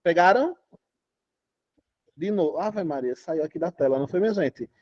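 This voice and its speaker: A man's voice: fairly high pitch, lively intonation, moderate pace, a little mellow, no echo, muffled recording. A man teaching a Portuguese class online, chatty, quizzing students and singing out syllables. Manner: chatty, asks students questions, sings out syllables.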